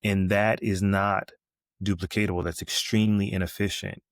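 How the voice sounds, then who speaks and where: A man with a low, deep voice talks through his ideas as a podcast guest. He explains step by step and keeps tagging his points with a quick "right?". The sound is dry and close. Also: level tone, dry recording. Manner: frequent fillers and restarts. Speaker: guest, business coach. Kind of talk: podcast interview.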